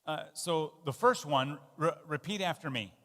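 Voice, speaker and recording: A man's voice: a little high, normal speed, pushed and bright, big-room sound. A man giving a sermon in a conversational, self-deprecating way, with fillers and restarts. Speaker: pastor. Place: church.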